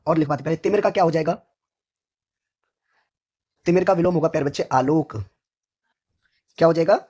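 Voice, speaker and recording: A hoarse man teaching a vocabulary lesson for exam preparation, who asks each question, answers it himself, and keeps addressing his students fondly. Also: fairly high pitch, brisk, darkish tone, muffled recording. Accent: North Indian Hindi. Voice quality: husky.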